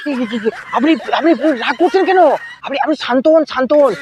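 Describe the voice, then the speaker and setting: In a very high voice and at a quick pace, a young man performs a comic sketch against a noisy background. He plays several parts, pleading and whining in some, then grumbling in others.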